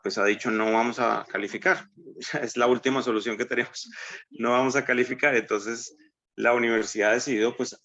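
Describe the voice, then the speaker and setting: A man's voice: mid-range voice, steady tone, a little fast, bright, forceful tone, muffled recording. A man from Colombia with a Colombian accent, speaking as a university academic in a conversational panel, thoughtful and hesitant, often ending with "¿no?". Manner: thoughtful, hesitant, many "¿no?" tags.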